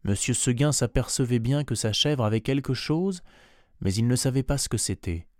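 A man narrating a classic tale aloud in a measured, expressive storytelling way. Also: mid-range voice, no echo, studio quality.

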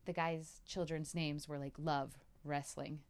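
A woman's voice: low voice, flat delivery, a little slow. A woman co-hosting a podcast, chatting casually and rambling with lots of fillers and laughs. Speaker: podcast co-host. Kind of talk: casual chat.

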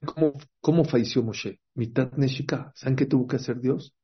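A man teaching a Torah class as a rabbi, telling stories lively and asking his listeners questions. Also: mid-range voice, normal speed, breathy edge. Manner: lively storyteller, acts out quotes, asks the audience questions. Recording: dull lo-fi recording.

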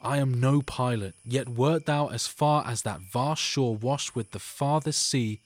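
Man acting young nobleman in love, Shakespearean stage acting, earnest, declamatory, mid-pitched voice. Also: unhurried, natural voice. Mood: ardent. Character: young nobleman, ardent and devoted.

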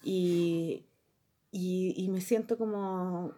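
A young woman with a Chilean accent, hosting a podcast and telling an animated story full of voices and laughter. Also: lowish voice, extremely slow. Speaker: podcast host. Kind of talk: casual chat.

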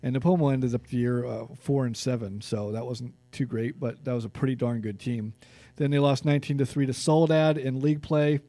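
Californian male co-host, casual stat-heavy chat, warm tone, dry mic. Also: medium pitch, brisk, dry recording. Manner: reads stats, relaxed and conversational. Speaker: sports podcast co-host.

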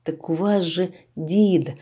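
Woman doing a gruff, stubborn village boy. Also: fairly low pitch, steady tone, slow pace, warm tone. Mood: awkward.

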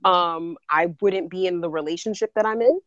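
Woman cohost chatting, lowish voice, kinda dull dry recording, laughs a lot. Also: normal speed, no echo. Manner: candid, reflective, laughs often. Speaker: podcast co-host. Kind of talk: casual chat.

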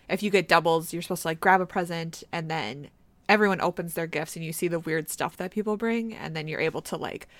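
Low-voiced woman co-hosting a casual podcast. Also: vocal fry, bright, forceful tone, no room sound. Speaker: podcast co-host. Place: home basement.

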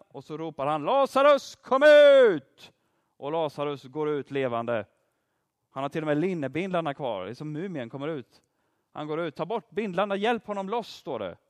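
A man giving an interactive Bible teaching, quizzing his listeners and praising their answers. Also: fairly high pitch. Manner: lively, asks the audience questions and praises answers. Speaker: preacher teaching a group.

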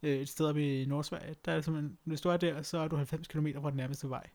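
Creaky-voiced man in understated casual chat. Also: on the high side, steady tone, a little mellow.

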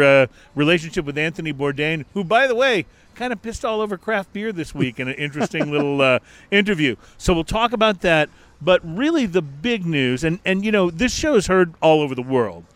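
A man's voice: on the high side, animated, normal speed, fairly bright tone, clean tone, no room sound. An American man hosting an unscripted talk show in a chatty, upbeat way. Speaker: podcast host. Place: outdoor restaurant terrace.

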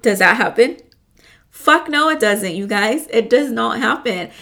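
A woman's voice: on the high side, animated, normal speed, vocal fry, a bit bright. A woman hosting a casual motivational talk, rambling with lots of fillers and frequent swearing, often calling her listeners "you guys".

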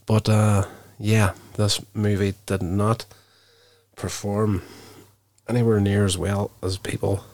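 Sounding ill and only just out of bed, this male podcaster talks through a film on his own in a loose, rambling way, pausing hesitantly as he thinks. His voice sits on the low side, darkish, wheezy and gravelly from his chest, delivered slowly in a level tone. The recording is dry.

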